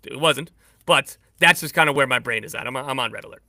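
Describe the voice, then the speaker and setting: A man's voice: medium pitch, fairly quick, gravelly, no room sound, clean studio sound. A man co-hosting a sports podcast, chatting casually and jumping between restarts and self-corrections as he shares news. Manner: animated, self-correcting, jokey. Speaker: podcast co-host and insider.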